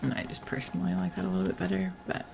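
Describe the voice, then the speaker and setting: A woman's voice: lowish voice, rapid-fire, vocal fry, background noise. A young woman streamer chatting casually and reacting to a video game, giggly and emotional. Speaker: gaming streamer. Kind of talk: casual let's-play commentary.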